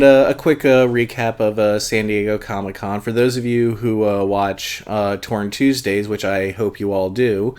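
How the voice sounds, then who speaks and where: An adult man who has long attended conventions hosts a laid-back live book club stream, reading viewer comments aloud. He sounds a little congested and talks hesitantly, with lots of fillers, in a fairly low, smooth voice.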